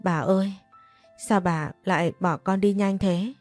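A woman's voice: mid-range voice, fairly even intonation, measured pace, a little mellow, faint music behind, lightly acted. A woman voicing a wailing young servant girl. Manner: sobbing lament.

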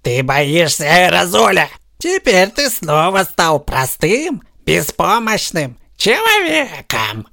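Gravelly old professor for an audiobook, slow and measured, bright tone, voiced by a man. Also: high voice, wildly swooping pitch, voice pushed up, heavily acted. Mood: lecturing. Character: old male telepathic professor, deliberate.

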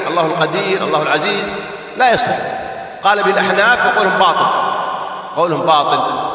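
A man's voice: high voice, pushed and bright. A man teaching a religious jurisprudence lesson as a sheikh, explaining patiently and demonstrating chanted phrases. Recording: echoey hall, voice from far off.

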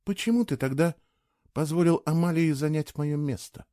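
A man's voice: moderate pace, warm tone, no room sound, studio quality, lightly acted. A man voicing a young woman who is hurt, jealous and accusing, reading a storybook. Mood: quiet, wounded. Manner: pleading, accusing, raised high.

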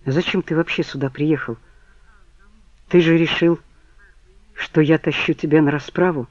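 A male audiobook reader voicing a tired, ironic young woman who answers calmly. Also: on the high side, normal speed, no room sound, highs cut off, natural voice. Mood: reproachful. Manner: tired, calm, ironic delivery. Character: weary, ironic young woman, calm and guarded.

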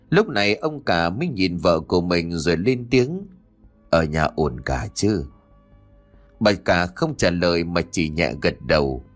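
Man narrator, very low voice, lively swooping delivery, ghost story, faint music.

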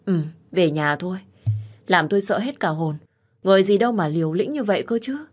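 A woman voicing a worried, protective young female best friend who fusses and scolds gently in an audio story. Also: lowish voice, lively intonation, brisk. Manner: fussing, scolding, caring.

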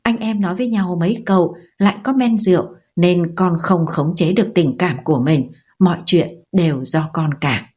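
A man's voice: high-pitched, normal speed, a little mellow, husky. A woman voicing an articulate, educated older brother who speaks in a mocking way. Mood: apologetic. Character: educated older brother, contemptuous, later contrite.

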